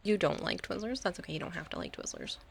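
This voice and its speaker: Woman game streamer, lower-pitched, rambling casual chat with viewers. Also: fast talker, gravelly, slight background noise. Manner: chatty, rambling, laughs easily. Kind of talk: casual gameplay commentary and chat reading.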